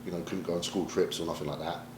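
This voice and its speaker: Deep-voiced British bodybuilder, frank and emotional, in an echoey room. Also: male voice, steady tone, fast talker, noisy background. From Britain. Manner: emotional, reflective, swears casually. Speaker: pro bodybuilder guest. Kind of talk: candid sit-down interview. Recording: roomy echo, faint ambience.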